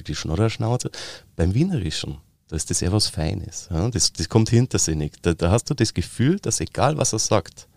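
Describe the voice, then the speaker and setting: A man from Upper Bavaria with a Bavarian accent, an actor chatting as an interview guest and telling lively anecdotes with quick dialect impressions. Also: on the low side, no room sound. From Upper Bavaria, Germany. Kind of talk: casual interview chat.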